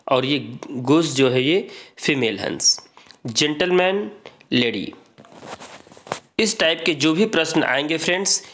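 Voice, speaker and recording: A man's voice: fairly high pitch, fairly bright tone. A man with an Indian accent teaching an exam-prep grammar lesson, reading out word pairs and drilling students to repeat them.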